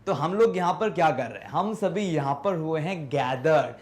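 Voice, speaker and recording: Man, Indian accent, teacher, high voice, slow deliberate reading, self-questioning explanations. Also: expressive. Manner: explains slowly, repeats words, asks and answers his own questions; reads English text slowly and deliberately. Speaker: English teacher. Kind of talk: classroom lesson explanation in Hindi and English.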